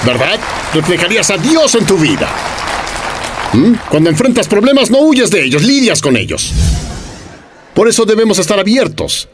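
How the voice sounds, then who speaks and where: A man preaching with a lively voice that climbs and falls across a wide range. He is animated, throws out rhetorical questions and acts out the people he quotes. His voice sits a little higher than most men's. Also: normal speed, long pauses, a crowd in the background, noisy background. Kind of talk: sermon.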